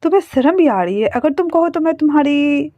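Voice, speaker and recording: A woman voicing a young male police officer who speaks in a lowered, hushed and teasing way. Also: animated, a little fast, no room sound. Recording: dry, dull lo-fi sound.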